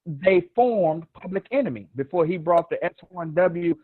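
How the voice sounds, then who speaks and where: A man's voice: high-pitched, lively intonation, moderate pace. A man with a Southern US accent hosting a live online talk show over a video call, chatty and rambling, laughing often. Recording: dry, tinny phone-like call audio.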